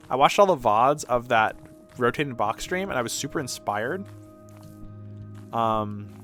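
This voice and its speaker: Bright and forceful in a mid-range voice, a video game streamer keeps up casual, rambling chat laced with profanity as he plays.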